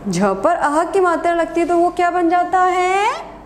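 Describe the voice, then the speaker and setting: A woman's voice: very high voice, roomy sound, a little hiss or hum. A woman from India teaching a Hindi lesson to young children, asking questions and answering them herself. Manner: asks and answers her own questions, drawn-out. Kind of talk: slow kindergarten lesson.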